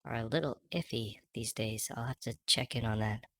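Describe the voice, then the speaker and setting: A man talking through a pitch-shifting voice changer that gives him a squeaky, chipmunk-like sound. He chats casually and giggles while thanking viewers. The recording is dry and close, with no room sound. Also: brisk, a bit bright, no room sound. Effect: pitch-shifting voice changer, high chipmunk-like voice. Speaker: streamer co-host. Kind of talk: casual chat while playing a game.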